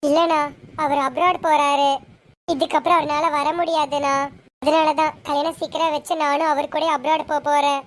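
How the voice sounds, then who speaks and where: A woman's voice: high-pitched, level tone, moderate pace, close to an everyday voice. An actress playing a young woman about to be engaged, who earnestly pleads with her brother. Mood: earnest, pleading. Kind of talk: TV serial acting.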